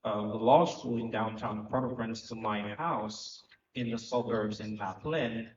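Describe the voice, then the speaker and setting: A man in his thirties gives an earnest, reflective talk on a conference panel, filling pauses as he thinks. His voice sits at an ordinary pitch and is picked up from a distance. The sound is roomy and muffled, with a faint hiss behind it. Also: steady tone. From Haiti. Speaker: panel speaker, economic development director. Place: conference hall at a live event. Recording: echoey, distant, muffled hall recording.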